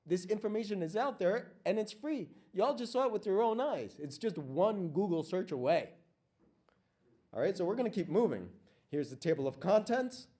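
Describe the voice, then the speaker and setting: A man's voice: high voice, animated, moderate pace, dark tone. A man giving a passionate workshop presentation to a live audience in a meeting room. He speaks with fire and asks question after question, repeating lines for emphasis.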